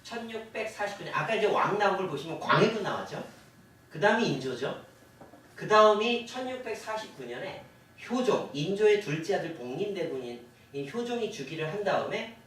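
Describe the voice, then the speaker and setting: Male lecturer, animated, quizzing the class; captured from afar in a reverberant hall. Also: high-pitched. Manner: asks the audience questions, acts out quoted officials. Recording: echoey hall, voice from far off, faint hiss.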